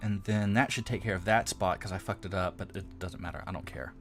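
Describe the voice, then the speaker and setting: A man's voice: deep voice, fairly even intonation, a little fast. A man streaming himself modding a game, casually thinking aloud as he works, muttering little sound effects and poking fun at his own mistakes. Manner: rambling and self-deprecating. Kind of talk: casual live-stream commentary.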